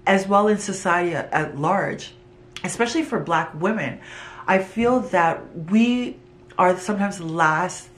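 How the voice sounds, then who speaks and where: Earnest middle-aged woman, lowish voice. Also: slight background noise. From Trinidad and Tobago. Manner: earnest and heartfelt, with some restarts. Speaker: business owner pitching her company. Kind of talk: pitch video monologue.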